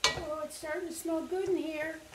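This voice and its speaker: Older woman, very high voice, patient cooking lesson, echoey kitchen from a distance, faint sizzle behind. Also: steady tone, moderate pace, noisy background. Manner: patient, step-by-step explaining. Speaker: library cooking instructor for kids. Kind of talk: cooking demonstration. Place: home kitchen, indoors. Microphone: far camera. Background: faint sizzling of frying meat.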